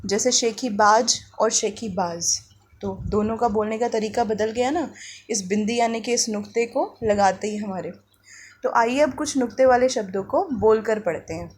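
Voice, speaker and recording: A woman's voice: on the high side, a little mellow, a little hiss or hum. Woman teacher sounding out words. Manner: slow, syllable-by-syllable reading of words for young pupils; asks the class questions and answers them herself. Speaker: primary school teacher. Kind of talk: worksheet lesson for children.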